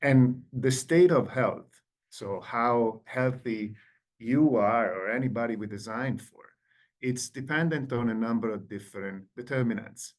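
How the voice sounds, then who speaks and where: A guest lecturer from Italy in his forties speaks with an Italian accent in a medium-pitched, unhurried voice. He gives an online lecture over a video call, engaging the audience with questions.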